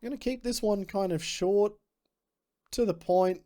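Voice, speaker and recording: A man's voice: high voice, normal speed, dark tone. Upbeat man hosting a podcast rundown. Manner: chatty, upbeat, reads out results. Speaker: podcast host. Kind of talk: casual news rundown. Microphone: podcast microphone.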